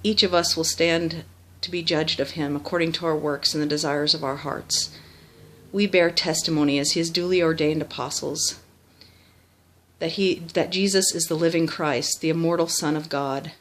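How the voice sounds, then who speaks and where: Someone reciting scripture-like text from memory by rote, mid pitch, formal, small slips they fix. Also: steady tone, normal speed, a bit bright. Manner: formal recitation with small stumbles and self-corrections.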